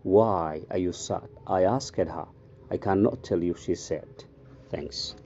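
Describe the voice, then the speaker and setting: A man with a Somali accent, a native Somali speaker, who teaches English by reading a story aloud slowly and deliberately with line-by-line translation. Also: sits low, creaky. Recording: slightly dull, lo-fi recording.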